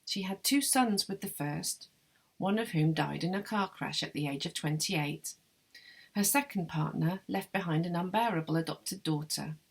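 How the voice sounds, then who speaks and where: A woman reads a literary novel in measured, wry first person. Her voice sits low and carries a gravelly fry. A husky grain runs through it. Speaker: literary translator reading her translation. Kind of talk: literary reading of a novel excerpt.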